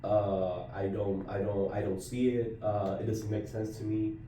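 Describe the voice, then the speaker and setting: Man from Colombia, low mellow voice, casual talk, roomy off-mic recording. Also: level tone, a little slow, recorded from a distance, a little hiss or hum. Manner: earnest, frequent restarts and repeated words. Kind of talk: casual discussion.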